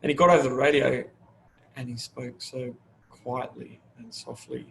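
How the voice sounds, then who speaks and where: A middle-aged fire service manager speaks openly in a casual interview, rambling and restarting his sentences often. His voice is mid-range and gravelly, with little pitch movement, at a normal speed, over a noisy background.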